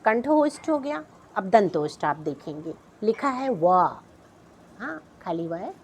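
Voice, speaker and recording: A woman's voice: mid-range voice, big pitch swings, a little slow, darkish tone, slight background noise. A middle-aged woman teaching a class, patiently explaining a chart and repeating each sound, often checking in with her students.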